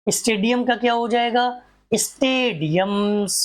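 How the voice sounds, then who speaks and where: A woman's voice: fairly high pitch, unhurried. A woman teaching a grammar class, drilling examples one by one and asking rhetorical questions that she answers herself.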